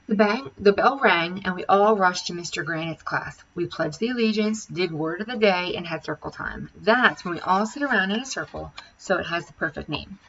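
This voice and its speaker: A woman teacher reading a children's chapter book aloud, with lively, expressive storytelling. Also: lowish voice, normal speed, few pauses, dull audio, slight background noise.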